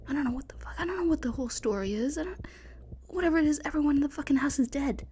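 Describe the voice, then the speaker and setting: A young woman voicing a panicked sorority sister hiding from a killer, talking in hushed, frantic whispers and swearing often. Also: a little high, animated, unhurried, husky, full character voice. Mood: urgent whisper. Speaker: voice actor in an audio roleplay. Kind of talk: one-sided audio roleplay.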